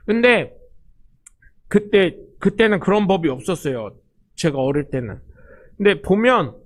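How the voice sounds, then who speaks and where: A male pastor delivers a sermon in a lively storytelling way, acting out the lines of the people in his stories. His voice sits fairly high for a man. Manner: storytelling, animated, acts out quotes.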